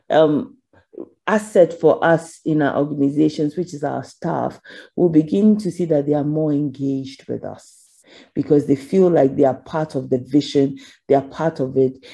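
A woman's voice: low-pitched, mellow. A woman giving a conference keynote over slides, earnest, with frequent ums as she asks for the next slide. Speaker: keynote speaker.

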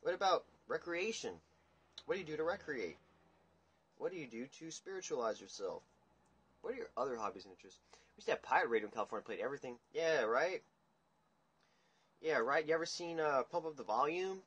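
A young man hosting a casual livestream chat, ranting in a rambling, profane, animated way. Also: on the high side, a little fast, long pauses, husky, lo-fi sound. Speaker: livestream host. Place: dim room indoors. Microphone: phone camera at table.

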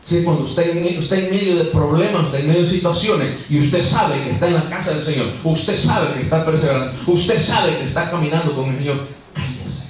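A man's voice: a little high, fairly quick, heavy reverb. A male pastor preaching a sermon, repeating phrases and speaking straight to the congregation. He is recorded from a distance in a church. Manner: preachy, repetitive, addresses the congregation directly. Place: church sanctuary.

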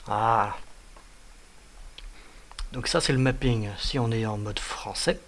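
A man's voice: medium pitch, slow, fairly bright tone, slight background noise. Man explaining keyboards with many fillers. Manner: thinking aloud with many fillers, demonstrating live on keyboard. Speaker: tutorial presenter. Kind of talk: casual screen-share tutorial.

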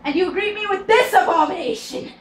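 In an amateur cosplay comedy skit, a woman plays a hot-tempered, foul-mouthed young Italian man, grumpily swearing and snapping in loud outbursts. Her very high voice is brisk and reverberant, captured by a distant camera in a home kitchen.

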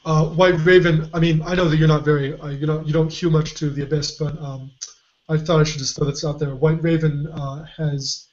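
A man co-hosting a casual puzzle podcast, halting with many fillers and restarts, his voice going a little hoarse. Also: a little high, level tone, a little mellow. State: losing his voice. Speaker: podcast co-host. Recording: dull lo-fi podcast audio.

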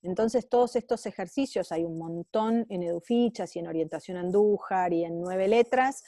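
Woman lecturer with a Rioplatense accent, patient and emphatic, relaxed mellow voice. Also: on the low side, normal speed, no echo, clean studio sound. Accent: Rioplatense Spanish. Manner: explanatory, with emphatic stressed phrases. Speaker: psychopedagogue lecturer. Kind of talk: online lecture.

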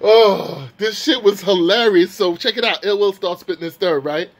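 Brief: male vlog host, high voice, loose street-slang storytelling, hyped up. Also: moderate pace. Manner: excited, slangy storytelling, swears a lot. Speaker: channel host recapping a rap battle. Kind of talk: casual vlog recap.

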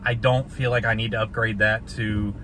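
A man's voice: fairly low pitch, level tone, normal speed, rough recording. A man in his thirties chatting casually in a film vlog, recorded inside a car on a dashboard phone. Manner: chatty and conversational, gesturing with his hands. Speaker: film vlogger. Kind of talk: casual talking-head vlog. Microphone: phone camera on the dashboard. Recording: loud car and street noise behind.

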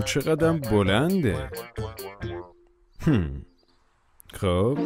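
A man narrating a children's cartoon, talking to the characters in a playful, coaxing way. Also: fairly low pitch. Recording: music playing behind the voice.

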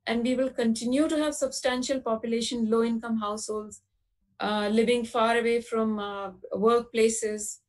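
Woman presenting a webinar, pausing on fillers. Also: fairly high pitch, fairly even intonation, a little mellow, rough recording. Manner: measured explanatory delivery with frequent uh fillers. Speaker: panelist presenting slides. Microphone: video call.

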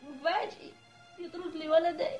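A fretful mother with an Upper Egyptian accent frets and pleads over her missing son, played by a woman. Her voice sits high, and the room around her rings. Soft music plays underneath. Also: fairly even intonation, moderate pace, muffled recording. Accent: Upper Egyptian Arabic. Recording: echoey room with music behind.

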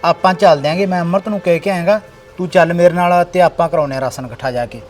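A man's voice: sits high, fast talker, soft background music, natural voice. A man playing a bossy village son. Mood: persuading. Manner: scolding, bossy. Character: grown village son organizing flood relief. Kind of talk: village short film acting.

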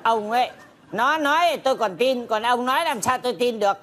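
A woman's voice: a little high, expressive, a little fast, background noise, close to an everyday voice. A woman playing a stern, pompous village chief in a stage comedy sketch, scolding and lecturing.

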